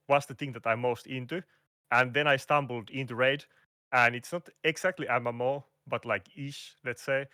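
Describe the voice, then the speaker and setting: A guest content creator with a Finnish accent speaks in a bright, medium-pitched voice during a casual interview over a call. He's hesitant, with restarts, fillers, and non-native phrasing. The recording is dry with no echo.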